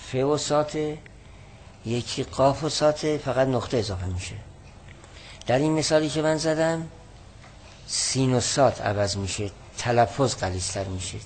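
A man giving a lesson on a classical text, explaining word meanings and reading passages slowly and more loudly. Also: mid-range voice, a little hiss or hum. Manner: explanatory, reads Arabic text slowly and louder. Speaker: teacher.

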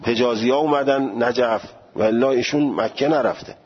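A man's voice: medium pitch, steady tone, a little mellow, slightly rough, muffled recording. A man teaching a seminary class in religious law, explaining points at length and working through examples. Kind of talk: religious jurisprudence lecture.

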